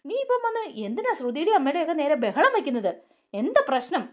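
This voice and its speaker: A worried older sister presses for answers in a serial retelling, voiced by a woman narrator. Her voice is high and rises and falls anxiously. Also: sing-song, fast talker. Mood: questioning. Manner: anxious, questioning.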